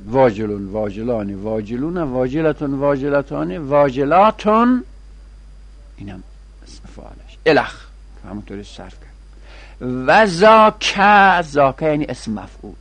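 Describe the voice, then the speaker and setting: Male teacher, husky voice, sing-song drilling of conjugations, plain explanatory lesson. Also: mid-range voice, dry recording.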